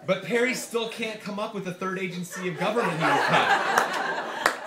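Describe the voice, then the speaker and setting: In an echoey bar, a man reads his comic essay to a live audience with a high, lively voice at a moderate pace. He tells it theatrically, swearing and mimicking the people he quotes, while laughter and room noise fill the noisy recording.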